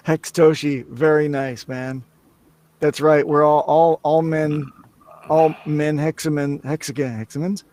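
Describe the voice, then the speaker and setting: A man's voice: on the high side, fairly even intonation, takes it slowly, dark tone. A man co-hosting a casual livestream chat, joking, teasing and breaking into laughter. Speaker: co-host.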